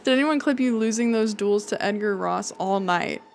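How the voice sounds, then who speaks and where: A woman's voice: medium pitch, normal speed, vocal fry, a little hiss or hum. A woman live streamer chatting casually and jokingly with her chat while she plays a video game, swearing freely.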